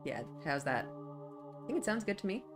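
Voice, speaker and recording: A woman's voice: medium pitch, very animated, moderate pace, over music. A woman game streamer chatting casually as she plays.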